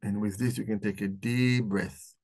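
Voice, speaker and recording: A man hosting a live book club, talking about the book and then slowly leading a guided meditation in a soft, calm voice. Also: lowish voice. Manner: slow, soft-spoken guiding voice. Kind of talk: live talk.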